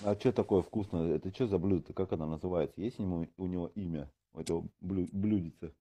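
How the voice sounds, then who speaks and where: A man's voice: sits low, quick pace, dark tone. A man recruiting online hosts in a casual chat, rambling with lots of fillers and joking asides.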